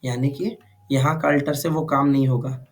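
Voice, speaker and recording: A man's voice: medium pitch, steady tone, moderate pace. A man teaching a classroom lesson, constantly checking whether students follow. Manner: checks understanding with frequent questions. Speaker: computer course teacher. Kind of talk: live classroom instruction.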